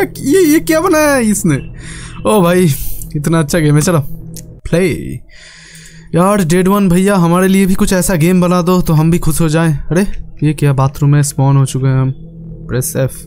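A man's voice: on the high side, a little mellow. A young man giving casual, jokey commentary on a horror game, often pleading with the game. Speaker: gaming YouTuber.

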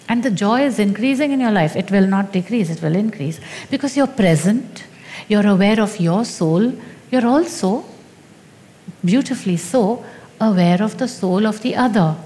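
A woman spiritual teacher speaking in a slow, deliberate and emphatic way in a teaching dialogue. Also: medium pitch, dark tone, in a large hall.

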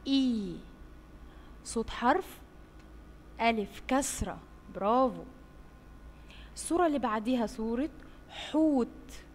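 A woman teaching young children in an Egyptian Arabic accent, slowly sounding out letters and praising them often. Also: a little high. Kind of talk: slow drawn-out phonics lesson for young children. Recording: roomy with long reverb, faint hiss.

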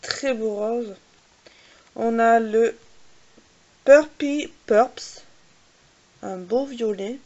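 A woman with a somewhat high voice chats through a casual makeup swatch vlog, pausing often with filler sounds. She jokes about her own pronunciation. The recording is dull and lo-fi. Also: fairly even intonation, mellow. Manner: hesitant, fills pauses with "euh" and repeated "voilà". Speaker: beauty vlogger host.

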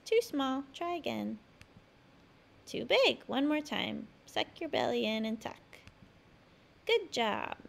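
Reading a picture book aloud for young kids, this storyteller and host gives every phrase expressive emphasis. Her fairly high voice ranges widely in pitch and carries a distinctly creaky quality.

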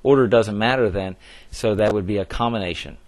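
A man's voice: on the low side, brisk, darkish tone, no echo. A man teaching a recorded math lesson, explaining step by step in a plain way with frequent fillers and restarts. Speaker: math instructor.

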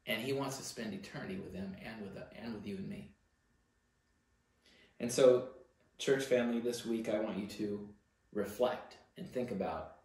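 A man's voice: fairly low pitch, darkish tone. A middle-aged man preaching a sermon as pastor, earnest and pressing key words, recorded from a far camera in a library room. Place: church library room with bookshelves, indoors. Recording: very echoey room.

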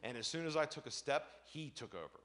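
A male pastor preaching a lively sermon, telling personal stories and acting out the voices in them. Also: a little high, fast talker, very noisy. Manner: animated storytelling, acts out voices, shouts and laughs.

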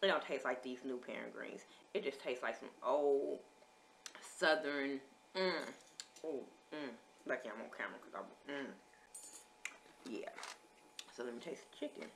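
A woman's voice: a bass voice, lively intonation, a little slow, creaky, long pauses, slight background noise. A woman vlogger, chatting casually as she lists menu items and reviews food. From American.

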